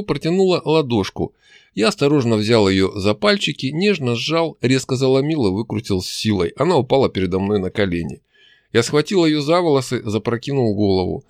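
A man narrating a first-person fantasy audiobook, with expressive, animated storytelling. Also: on the low side, fairly quick, no echo, studio quality.

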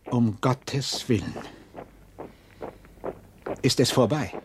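An actor playing a haughty, agitated French marquis in a radio drama, imperious and secretive in manner. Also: male voice, medium pitch, very slow, noisy background. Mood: shaken.

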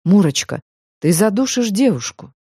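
A woman's voice: medium pitch, animated, normal speed, warm tone, husky, dry recording, studio quality. A woman reading as a kindly older father. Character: kindly older man, gently scolding father. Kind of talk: audiobook character reading.

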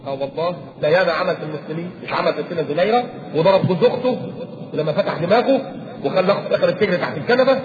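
A man with an Egyptian accent preaches at a rapid clip in a fairly high voice. He acts out little exchanges between people with humor and drive. The recording is dull, lo-fi tape with plenty of room echo. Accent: Egyptian Arabic. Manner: lively, acts out dialogues with humor. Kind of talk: religious lecture. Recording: roomy, dull lo-fi lecture tape.

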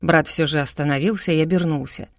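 Female first-person audiobook narrator; steady storytelling, low voice, dry close-mic studio sound. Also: fairly quick, no room sound.

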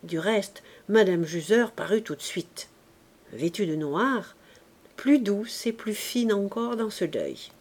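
A woman reading a classic novel aloud as an audiobook, in a calm, even way. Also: medium pitch, takes it slowly. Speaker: audiobook reader. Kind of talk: literary audiobook narration.

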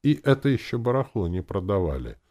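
A man's voice: fairly low pitch, a little fast, voice pushed up. Man doing a blustering crafty uncle. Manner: blustering, excited. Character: flustered older uncle, a crafty haggler. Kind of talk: audiobook character voice.

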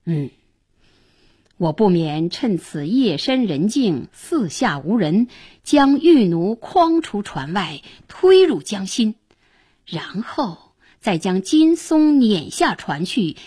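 A cold, calculating young male official speaks with smug restraint, as a woman storyteller puts him on. His delivery is slow and husky, with the measured voice of traditional oral storytelling. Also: medium pitch, sing-song, warm tone, full character voice. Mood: scheming.

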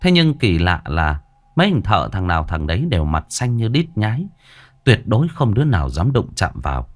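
Expressive male ghost-story narrator. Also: sits low, fairly quick. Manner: dramatic, expressive.

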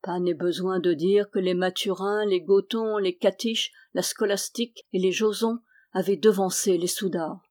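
A woman narrates a historical novel in the measured manner of an audiobook reader. Her voice sits at an ordinary middle pitch. She brightens and grows louder for the characters' lines. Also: steady tone. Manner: lifts and raises the voice for quoted characters.

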